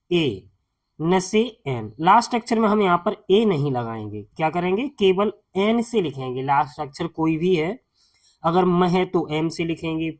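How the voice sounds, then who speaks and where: A man teaching as a tutor in a slow classroom-style lesson, patiently repeating each sound and spelling step by step. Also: high voice.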